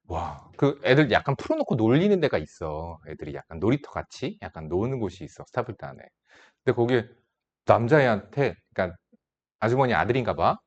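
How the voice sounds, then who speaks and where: Animated, teasing male math teacher. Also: lowish voice, highs cut off. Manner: casual, teasing, talks down to students like a big brother. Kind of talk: classroom lecture with side stories. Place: classroom.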